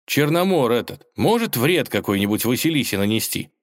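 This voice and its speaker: Male reader playing hotheaded young hero, high and shouty, excitable. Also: brisk, no echo, clean studio sound. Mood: indignant. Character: brash young hero in a helmet, quick-tempered.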